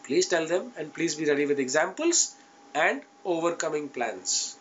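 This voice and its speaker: Teaching an online class as an interview coach, this Indian-accented man gives students informal, direct, emphatic advice and frequently checks in with them. His voice is a little high, sing-song and a bit bright at normal speed, with poor audio and slight background noise.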